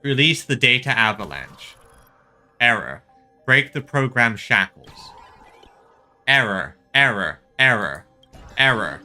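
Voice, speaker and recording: Brief: glitching robot voiced by a male streamer, flat looping error chant, very bright tense tone. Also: medium pitch, takes it slowly, pauses often, faint music behind, pitched below the performer's own voice, full character voice. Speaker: gameplay streamer.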